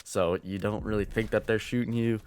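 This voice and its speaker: A man's voice: lowish voice, steady tone, a little fast, a little mellow, clean tone. A man recording gameplay commentary early in the morning, with a groggy morning voice, talking in an easygoing, chatty way. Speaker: gaming video creator.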